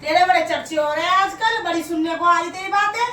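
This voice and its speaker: High, bright woman scolding loudly. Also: a little fast. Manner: scolding, nagging. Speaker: mother-in-law in a comedy sketch. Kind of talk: scripted family comedy skit. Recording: echoey room from far off with faint noise.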